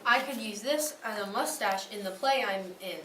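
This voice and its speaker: A woman's voice: medium pitch, normal speed, fairly bright tone. A woman giving brief playful improvised answers. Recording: echoey room, distant mic, noisy.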